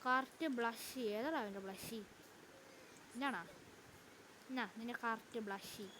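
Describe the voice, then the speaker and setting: A woman's voice: on the high side, unhurried, background noise. A woman YouTuber giving chatty let's-play commentary, talking to her viewers and breaking into frightened outbursts. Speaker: gaming YouTuber.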